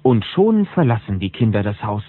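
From a script, a storyteller with a fairly low voice narrates a children's audio drama, addressing his listeners in an animated way at a moderate pace. The sound is narrow and tinny, band-limited like an old cassette, with music in the background.

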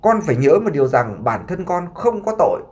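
A man's voice: on the high side, very animated, a little fast, darkish tone. A man voicing a grieving doctor father who imploringly consoles his sick son and takes the blame on himself.

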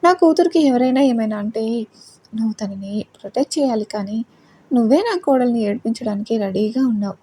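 A woman's voice: on the high side, fairly quick, warm tone, a little hiss or hum, close to an everyday voice. A woman with a Telugu accent voicing an affectionate middle-aged mother who scolds her son fondly, in a storybook reading. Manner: fond scolding. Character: loving playful middle-aged mother-in-law.

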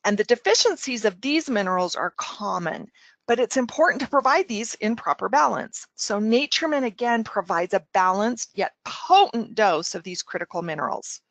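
Excited woman presenting supplements, dry sound. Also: medium pitch, moderate pace, no room sound. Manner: excited, tongue-tied at times; smiling as she talks. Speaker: product presenter. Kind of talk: enthusiastic product presentation.

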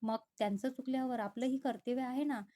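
Lady doing a sweet young wife, soft coaxing voice, storybook reading, a bit high. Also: steady tone, brisk, natural voice. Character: gentle young wife, patient and forgiving.

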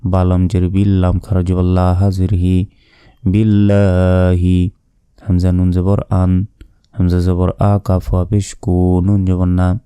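A male Quran reading teacher spells out letters and vowel marks in a slow, measured way, then chants the verse with long drawn-out sounds. His voice is low, flat and very dark, yet remarkably clear and smooth. The sound is close and dry, with no room echo.

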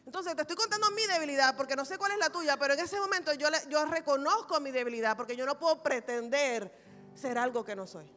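A woman pastor preaching a sermon, telling a personal testimony in an animated, humorous way. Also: sits high, quick pace, faint music behind. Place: large church hall. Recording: reverberant church hall recording.

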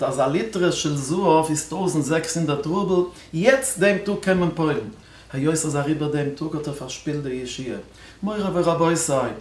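Story-telling rabbi in an echoey hall. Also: male voice. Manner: story-telling, moves between loud stresses and hushed low passages. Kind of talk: storytelling speech at a religious celebration.

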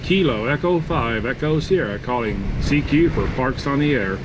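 A man with a medium-pitched voice makes amateur radio calls in phonetic spelling, courteous and repetitive. He is outdoors, with clear steady noise around him. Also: normal speed. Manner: courteous, repeats himself. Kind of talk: radio contest-style calling, phonetic spelling. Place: outdoors at a campsite table. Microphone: camera on the table beside the radio.

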